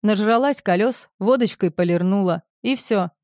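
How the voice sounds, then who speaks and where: A woman's voice: mid-range voice, moderate pace, a little mellow, no echo, clean studio sound, close to an everyday voice. A woman reading the part of a crude, dismissive man who talks in blunt slang in an audiobook. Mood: mocking.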